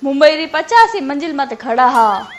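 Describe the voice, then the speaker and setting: A woman comedian with a Marwari accent telling jokes in a lively, chuckling way. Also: high voice, normal speed, soft background music. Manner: lively, chuckling between punchlines. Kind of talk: comic joke-telling show.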